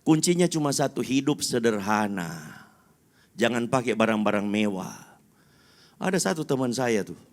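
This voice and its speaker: Indonesian pastor preaching with big swings. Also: male voice, big pitch swings, normal speed. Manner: swings from low, quiet asides to loud, high-pitched exclamations; conversational preaching, addressing the congregation directly. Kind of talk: sermon.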